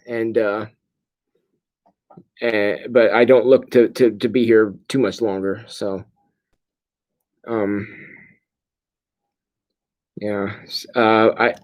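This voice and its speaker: Groggy, medicated middle-aged man speaking haltingly. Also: mid-range voice, darkish tone. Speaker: pastor. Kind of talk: casual livestream update to congregation. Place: hospital room.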